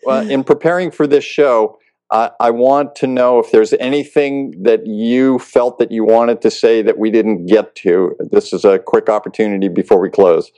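A man hosting an interview, gentle and appreciative toward his guest. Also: lowish voice, steady tone, normal speed. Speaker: host.

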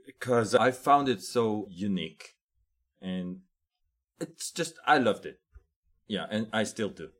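A Korean-accented man answers in English as a guest, pausing often while he finds his words. His voice sits a little low. He speaks English as a second language, Korean being his first. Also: animated, fairly bright tone. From South Korea. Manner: halting, searching for words. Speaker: chocolate shop owner, guest. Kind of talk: interview answers.

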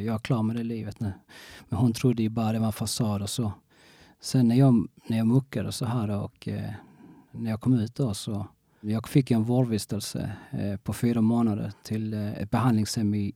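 Gravelly-voiced man in casual interview. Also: lowish voice, warm tone, no room sound, studio quality. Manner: halting, frequent restarts, many fillers.

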